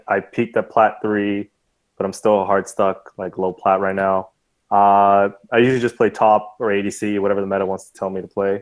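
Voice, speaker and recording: A man trying out as a guest on a gaming podcast, talking in a relaxed, loose way with lots of fillers. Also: fairly low pitch. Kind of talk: casual podcast chat.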